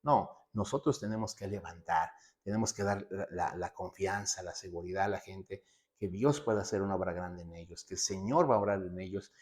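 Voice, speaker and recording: A man's voice: low voice, brisk, darkish tone. A man preaching a sermon, asking rhetorical questions and repeating phrases for emphasis. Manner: asks himself rhetorical questions and answers them.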